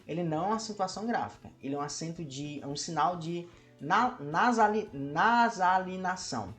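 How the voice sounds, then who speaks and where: A man's voice: on the high side, very fast. Brazilian male teacher, explanatory lesson delivery with rhetorical questions, faint music bed. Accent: Brazilian Portuguese. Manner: asks many rhetorical questions and addresses viewers as "meu povo".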